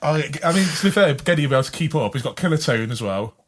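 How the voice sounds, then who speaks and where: A man's voice: fairly high pitch, expressive, quick pace, background noise. A man co-hosting a podcast, chatting casually, teasing his co-host and quizzing the guest, laughing often.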